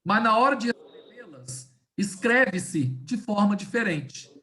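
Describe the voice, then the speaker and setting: Woman teaching over a video call, patient step by step explaining, slows right down on the key words, keeps checking everyone's following, middle-pitched voice. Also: big pitch swings, pushed and bright. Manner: didactic, checks in often with "tá?" and "né?". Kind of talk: online class lecture.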